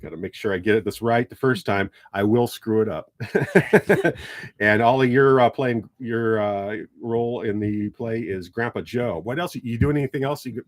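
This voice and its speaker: A man's voice: mid-range voice, expressive, normal speed, no echo. A middle-aged man hosting a local radio talk show in the studio, joking and rambling with many restarts as he interviews students.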